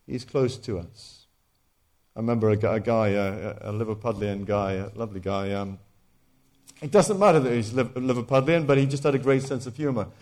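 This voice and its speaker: A man's voice: mid-range voice, brisk, darkish tone. A man preaching a sermon, emphatic, repeating key phrases and often restarting his sentences.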